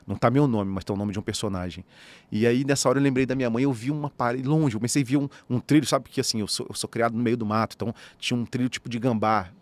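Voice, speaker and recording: This is a Brazilian man in the middle of an eager podcast story. He talks at a very fast clip with a mid-range pitch, leaning on constant fillers, and the studio sound is dry and close. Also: no echo. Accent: Brazilian Portuguese. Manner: rapid, animated storytelling with frequent "né" and "cara". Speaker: podcast guest.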